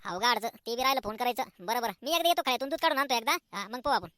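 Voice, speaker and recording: A man's voice: extremely high pitch, very fast, pushed and bright, no echo, studio quality. A man voicing a poor, easygoing village farmer in a cartoon comedy. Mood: offhand.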